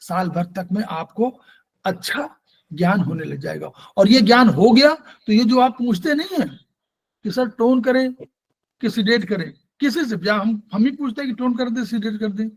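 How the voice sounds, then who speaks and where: A man's voice: high voice, moderate pace. A man teaching an acupressure class, explaining patiently and quizzing his students as he goes. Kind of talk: online class lecture.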